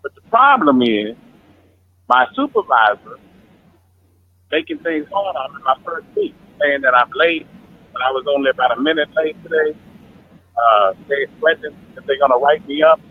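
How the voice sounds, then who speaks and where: Male caller, tinny phone line, slightly high and husky, casual and plain-spoken. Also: animated, moderate pace, long pauses. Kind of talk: call-in question to a live show.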